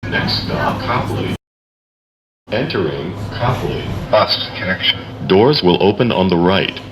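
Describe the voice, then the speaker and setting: Inside a subway train, a man's low voice sweeps wildly up and down in pitch as he slowly reads formal, clipped automated station announcements through the speakers. The recording from the car is noisy and full of echo.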